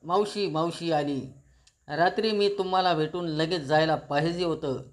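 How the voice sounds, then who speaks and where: A man's voice: a little high, normal speed, lightly acted. A man voicing a meddling aunt who talks eagerly and defensively.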